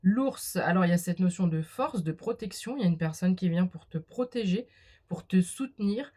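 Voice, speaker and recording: A woman gives a relaxed spoken card reading in a slightly low voice. She talks directly to the listener and often stops and restarts mid-thought with fillers. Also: moderate pace. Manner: addresses viewer directly, many fillers and restarts. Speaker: card reader. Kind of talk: casual spoken tarot reading.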